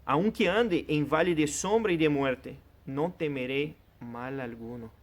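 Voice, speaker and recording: A pastor whose first language is Portuguese preaches a sermon earnestly and directly, speaking to the listener personally. His voice is a little high, and he keeps a measured pace.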